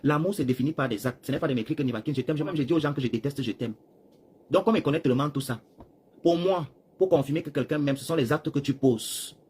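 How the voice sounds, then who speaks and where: A Cameroonian man rambling through a live stream, talking straight to his viewers and swinging between loud bursts and hushed asides while seated. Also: a little high, fast, a little hiss or hum. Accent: Cameroonian French. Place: seated, chair.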